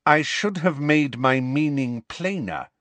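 Man voicing Professor McGonagall, stern high-pitched older woman. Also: big pitch swings, normal speed, a bit bright, no room sound. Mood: icy, exasperated. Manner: clipped, curt, through gritted teeth when provoked.

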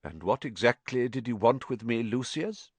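Storybook villain: smug upper-class man as a male narrator acts him, silky, lazy, menacing, swooping pitch, close dry sound. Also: expressive, husky, no room sound. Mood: smug, sneering. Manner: unhurried, smug, oily politeness. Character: sneering, smooth, lazily menacing aristocratic man. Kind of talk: audiobook character acting.

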